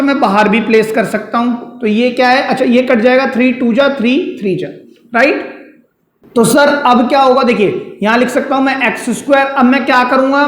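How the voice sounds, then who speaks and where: A man teaching a maths lesson at a board, explaining step by step and putting questions to his students, then answering them himself. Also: very high-pitched. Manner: calls students "beta" and "sir". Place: classroom with a board. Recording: echoey room.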